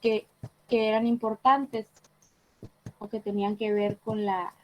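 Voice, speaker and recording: A woman's voice: medium pitch, flat delivery, measured pace, slight background noise, poor audio. A woman teaching an online class, explaining patiently and checking in with short tag questions. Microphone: computer mic on a video call.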